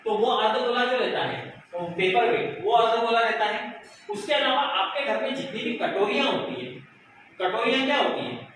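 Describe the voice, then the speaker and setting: Recorded from afar in an echoey, noisy room, a male math teacher gives a classroom lesson in which he questions the pupils and answers himself. His pitch is extremely high, his tone a bit bright, and his pace moderate.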